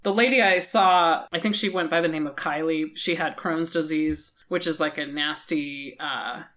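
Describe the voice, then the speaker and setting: A woman's voice: sits low, normal speed, fairly bright tone. A woman co-hosting a casual podcast chat, talking bluntly and indignantly, with the odd swear word. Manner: indignant, blunt, uses profanity.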